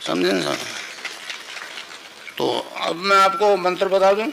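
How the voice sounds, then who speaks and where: A man's voice: sits high, sing-song, slow, vocal fry, pushed and bright, a little hiss or hum, rough recording. An older man giving a sermon to a live gathering, telling a story and teaching a mantra for the listeners to repeat. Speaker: spiritual guru.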